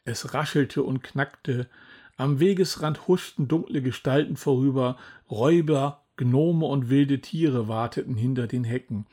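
A man voices a boastful older knight and proud father in a children's storybook, grumbling and heaping praise on himself in a husky voice. His pitch is medium, his pace measured, his tone dark.

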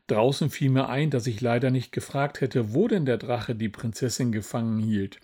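A man voicing a boastful older male knight and proud father in a children's storybook, grumbling and full of self-praise, with a husky voice. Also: mid-range voice, normal speed, mellow, close to an everyday voice.

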